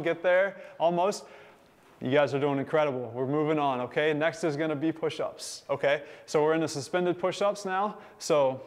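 Male fitness instructor, slightly higher voice, upbeat and encouraging, coaching a workout class. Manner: upbeat, encouraging, counting down time.

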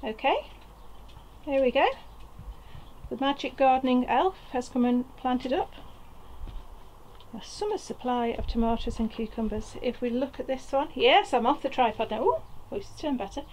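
A woman's voice: sits high, animated, moderate pace, long pauses, a little mellow, slight background noise, poor audio. A woman, chatting casually as she pots plants in a small greenhouse, recorded by a camera on a tripod. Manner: chatty, thinks aloud while working. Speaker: allotment vlogger. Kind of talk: casual gardening vlog. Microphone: camera on a tripod nearby.

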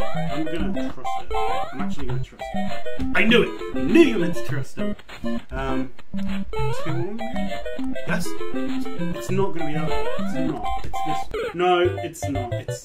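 A man's voice: sits high, poor audio. A man in his thirties giving exasperated, sweary gameplay commentary as he gets drunker. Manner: exasperated outbursts mixed with swearing; getting drunker while playing a drinking challenge. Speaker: gaming video host. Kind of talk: live gameplay reaction commentary. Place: indoors at a computer. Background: game music.

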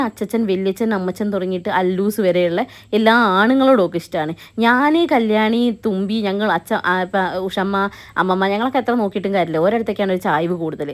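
A young woman talks over her family vlog at a very fast pace. She keeps the narration chatty and often tags on a 'you know'. It sounds like a close-mic voice-over of medium pitch. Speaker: family vlogger.

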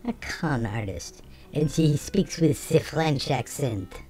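A game streamer talking through a voice changer that shifts the pitch, chatting casually with viewers while playing. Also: animated, takes it slowly, a little mellow, soft background music. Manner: chatty, talks to chat between game actions. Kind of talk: casual let's-play chat with viewers.

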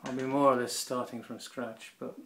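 A man giving a relaxed, offhand walkthrough of his boat, pausing with the odd uh, recorded on a handheld camera in a shed and a small cabin. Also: mid-range voice, slight background noise, low-quality recording. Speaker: boat owner giving a tour. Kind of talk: casual walkthrough narration. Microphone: handheld camera or phone.

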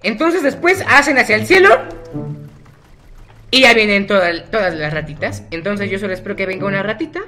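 A man's voice: sits high, lively intonation, fairly quick, sharp tone, faint music behind. A teenage boy with a Mexican accent, chatting casually over his gameplay in a rambling, jokey way that keeps correcting itself. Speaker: gaming YouTuber.

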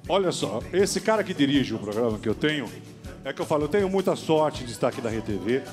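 A man hosting a TV variety show, excitedly calling out to guests and audience. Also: medium pitch, quick pace. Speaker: TV host. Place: TV studio. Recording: music playing behind.

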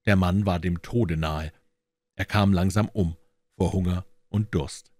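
Deep-voiced man reading aloud. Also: fairly even intonation, a little slow, a little mellow, no echo. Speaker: audiobook reader. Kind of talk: scripted narration.

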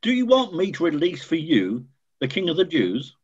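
An older man playing a questioning Roman governor in a dramatized scripture reading, with a husky voice. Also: on the high side, wildly swooping pitch, moderate pace, full character voice. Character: Pilate, Roman governor questioning a prisoner and crowd. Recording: dull lo-fi video-call audio.

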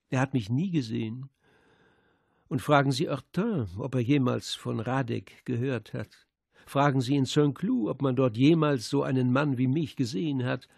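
A man's voice: mid-range voice, creaky, darkish tone, slightly rough, no room sound, clean studio sound. A man voicing a cruel, mocking Czech man who taunts a police inspector, reading it as part of an audiobook. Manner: mocking and contemptuous.

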